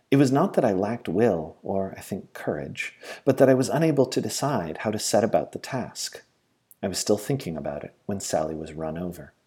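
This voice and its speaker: A man narrating a story in the first person, in a measured, even storytelling manner. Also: on the low side. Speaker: audiobook narrator.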